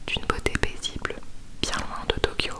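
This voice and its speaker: A woman chats in a soft, hushed library whisper, unhurried and informal, in an ASMR style. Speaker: book haul video host. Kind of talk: whispered ASMR book chat.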